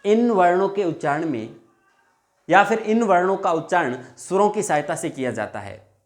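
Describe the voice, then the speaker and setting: A man's voice: sits high, lively intonation, normal speed. A male teacher giving a classroom lesson, repeating each point and drawing out example sounds, calling viewers his friends. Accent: Hindi.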